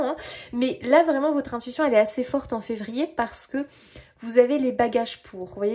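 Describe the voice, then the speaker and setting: A woman's voice: fairly high pitch, darkish tone. A woman with a French accent giving a casual, playful tarot reading, talking with lots of fillers. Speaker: tarot reader.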